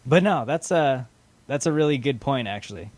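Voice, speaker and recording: A man's voice: mid-range voice, animated, moderate pace, no echo. A man co-hosting a movie podcast in casual chat, agreeable and laughing mid-sentence. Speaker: podcast co-host. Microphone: studio microphone.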